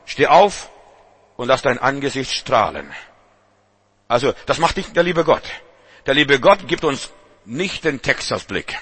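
A man's voice: medium pitch, big pitch swings, unhurried, pauses often, fairly bright tone, breathy edge. A man preaching a sermon to a church congregation, repeating and urging his listeners. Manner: emphatic, repetitive exhortation. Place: church service.

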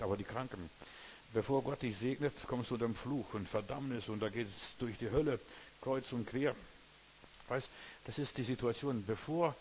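Male preacher with a mid-range voice, delivering a sermon in direct address and steady repeated phrasing, faint hiss behind. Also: medium pitch.

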